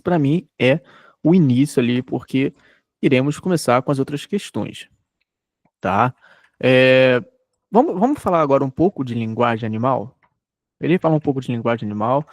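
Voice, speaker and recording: A man's voice: medium pitch, darkish tone, no echo, clean studio sound. A Brazilian man in his thirties giving a recorded university lecture, talking conversationally and often checking in with tag questions. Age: 30s. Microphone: desk microphone.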